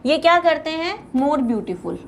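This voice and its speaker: A woman with an Indian accent teaches grammar in a high, light voice. She is patient, spells out word lists one at a time and repeats them for her students. Faint sounds of writing on a board come through behind her. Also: very animated, takes it slowly, slight background noise. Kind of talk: classroom lecture explaining grammar.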